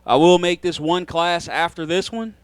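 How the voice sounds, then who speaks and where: A man's voice: a little high, moderate pace, smooth, no echo. A man doing live trackside race announcing, talking to drivers in an informal, folksy way.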